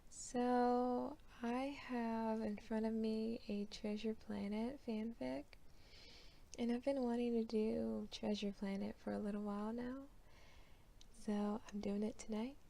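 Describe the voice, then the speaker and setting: A young woman with a gravelly, slightly creaky voice reads fanfiction aloud. Her tone is mellow and her manner casual and chatty. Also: fairly high pitch, little pitch movement, a little slow. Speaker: fanfiction reader.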